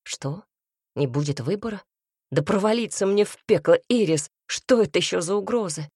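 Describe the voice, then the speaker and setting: A woman's voice: on the low side, moderate pace, darkish tone, no room sound, clean studio sound. A woman reading the part of a fiery, defiant young man in a storybook, speaking with vehemence and bitterness. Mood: angry. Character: young man, hot-tempered, defiant, devoted lover.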